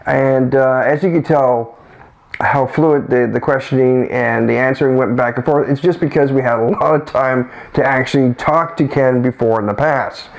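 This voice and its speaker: A man co-hosts a casual chat about comics, talking in a rambling way and often restarting his sentences. His voice sits at an ordinary pitch with a gravelly, fried edge. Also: steady tone, normal speed, low-quality recording. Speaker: co-host.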